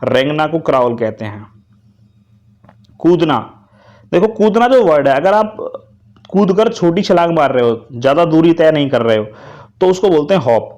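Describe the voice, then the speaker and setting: A man's voice: a little high, animated, normal speed, long pauses, a little mellow, highs cut off. A man teaching English vocabulary to students, speaking to them directly and asking them to repeat each answer. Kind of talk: vocabulary lesson.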